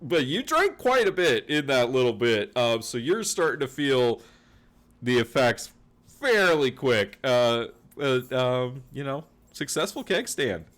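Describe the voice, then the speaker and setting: A man's voice: mid-range voice, sing-song, a little slow, fairly bright tone. Chill guy dm, laughs a lot, talks loose. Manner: laughs often, loose and chatty. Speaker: game master. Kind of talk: narrating a tabletop game.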